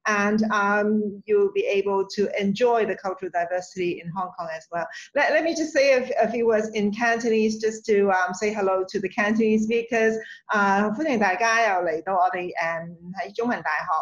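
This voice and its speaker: A woman's voice: medium pitch, lo-fi sound. A woman hosting an online workshop by video call, friendly and hesitant, with many fillers and easy laughter. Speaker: workshop host. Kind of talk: bilingual online introduction. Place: indoor office.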